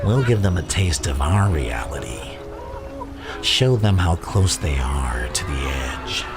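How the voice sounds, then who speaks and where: A man playing the Joker as a theatrical, menacing madman, philosophizing in a gravelly, often whispered ASMR roleplay delivery. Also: extremely low pitch, big pitch swings, exaggerated voice. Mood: conspiratorial, sinister. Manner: theatrical, drawn-out, conspiratorial. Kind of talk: ASMR roleplay villain monologue. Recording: music playing behind the voice.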